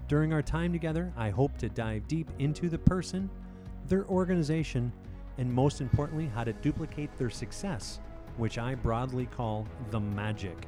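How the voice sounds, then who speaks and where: A man's voice: medium pitch, moderate pace. A man delivering a scripted podcast introduction as its narrator. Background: music under the voice.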